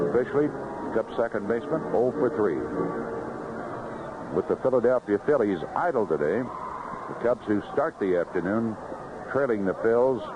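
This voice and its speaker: A medium-pitched man calls live baseball play-by-play as a radio announcer from an outdoor ballpark broadcast booth. It is a vintage 1970s broadcast, with lo-fi sound and background noise.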